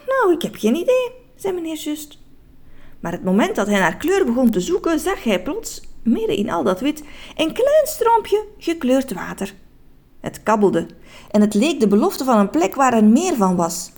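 A woman narrating a children's story in an expressive, playful, suspenseful way. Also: on the high side, moderate pace.

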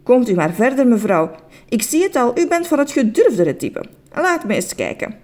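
A woman voicing a proud, flattering male shopkeeper tailor in a children's story, pitched higher than her narration. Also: moderate pace. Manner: flattering sales patter, raised pitch.

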